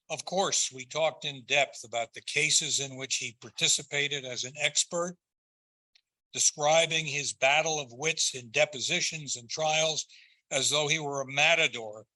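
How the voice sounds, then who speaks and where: An older man delivers a prepared eulogy in a measured, earnest and tender way, phrase by phrase. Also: a little high, bright, forceful tone, low-quality recording.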